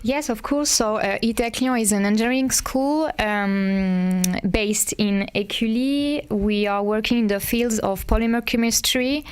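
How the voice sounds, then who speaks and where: A woman, head of international relations, explaining her school in a live online session with measured pauses. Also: fairly high pitch, clean tone. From France.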